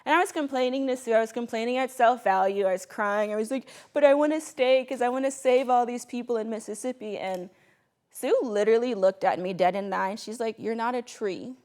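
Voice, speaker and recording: Animated woman telling a personal story. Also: on the high side, a little fast. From Bahamas. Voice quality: animated, laughs often, quotes people in voices.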